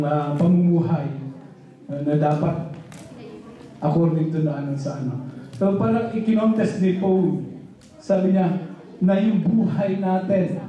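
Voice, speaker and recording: A man's voice: fairly high pitch, warm tone, lo-fi sound. A male pastor preaching a sermon in a church, in a loose conversational style with rhetorical questions. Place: church hall. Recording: echoey hall, voice from far off.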